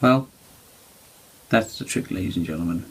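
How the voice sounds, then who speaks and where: A man presenting a card trick to camera in halting, deliberate magician's patter, with a low, creaky voice. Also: lively intonation, poor audio. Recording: faint background noise.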